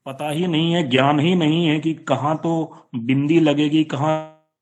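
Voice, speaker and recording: A man teaching an online class with an Indian accent, explaining slowly and patiently with repeated examples. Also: fairly high pitch, fairly even intonation. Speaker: college teacher. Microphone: online class, computer or phone mic.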